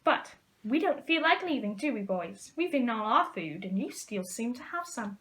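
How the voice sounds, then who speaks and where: A woman puts on a haughty young boy for a storybook, high in pitch. He sneers and talks down to everyone with a careless drawl. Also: big pitch swings, normal speed, fairly bright tone. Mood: sneering. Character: sneering, haughty pale schoolboy bully.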